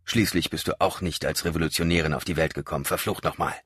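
A man's voice: extremely low pitch, fairly even intonation, fast talker, fairly bright tone, breathy edge, no echo, clean studio sound, full character voice. A man voicing a bearded young former college student who whispers and pushes back irritably. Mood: hushed tense.

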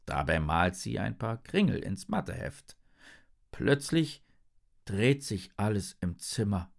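A storyteller reading a children's story aloud in an expressive, dramatic way. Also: low voice, slow pace, creaky.

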